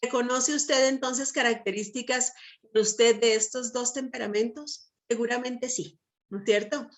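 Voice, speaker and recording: Middle-aged woman teaching with tag questions. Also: on the high side. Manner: peppers speech with tag questions to listeners; lively, emphatic delivery. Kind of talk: Bible teaching talk.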